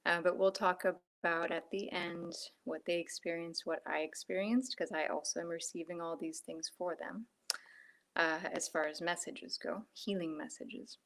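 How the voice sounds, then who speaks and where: A woman Reiki practitioner talking casually on a phone video call from home, soft-spoken with lots of fillers, sometimes dropping to a whisper. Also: fairly low pitch, fairly even intonation, normal speed.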